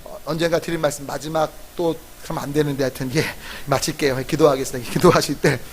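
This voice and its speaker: A male pastor preaching a sermon, emphatic, calling out to the congregation and acting out prayers, swinging from loud to near whisper. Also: fairly high pitch, fairly even intonation, quick pace, a little hiss or hum.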